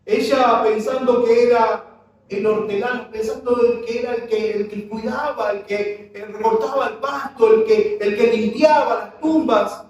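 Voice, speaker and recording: A man's voice: extremely high pitch, steady tone, measured pace, darkish tone, dull audio. A man preaching a sermon, impassioned and full of rhetorical questions to the congregation, recorded in a church. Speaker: pastor. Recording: very echoey church hall, mic far off.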